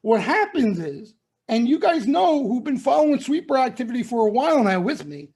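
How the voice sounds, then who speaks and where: A middle-aged trading room host delivers live market commentary in a very high, very animated voice that's fairly quick, a little mellow, and edged with breath. His talk is blunt, emphatic, and full of street-smart slang, with "okay?" and "right?" tacked onto nearly every point.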